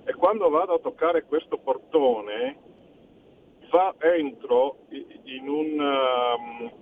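A man phoning in to a radio show, his voice squeezed thin by the phone line, with a faint hiss underneath. He speaks courteously and haltingly, pausing on fillers and restarting as he searches for the right words. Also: fairly high pitch, creaky. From northeastern Italy. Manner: hesitant, polite, searching for words with many fillers. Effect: heard over a phone line on a radio show. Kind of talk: phone-in call to a talk show.

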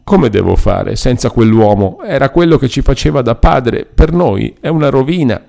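A man's voice: sits low, big pitch swings, a little slow, mellow. A man reading aloud and voicing a distressed middle-aged peasant mother who pleads anxiously, close to tears. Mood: pleading.

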